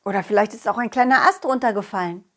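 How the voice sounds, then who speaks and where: A woman narrating a children's audio story in a playful, animated way, also speaking as the main character. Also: mid-range voice, fast talker.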